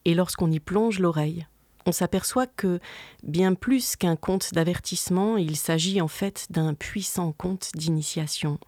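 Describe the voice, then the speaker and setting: A documentary narrator reads a scripted passage in a measured, explanatory way. The voice sits at a middle pitch, and the recording is dry and close with no room sound. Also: a little mellow, dry recording.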